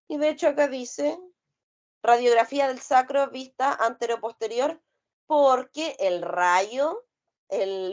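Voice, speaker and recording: Woman lecturing on anatomy. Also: fairly high pitch. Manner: asks questions and answers them herself. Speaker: anatomy teacher. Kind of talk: explanatory lecture. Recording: slightly dull lo-fi sound.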